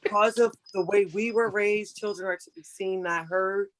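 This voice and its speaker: An older woman in casual conversation, giving earnest, motherly advice and slowing down to stress her points. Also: mid-range voice, fairly even intonation, slight background noise. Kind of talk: casual chat.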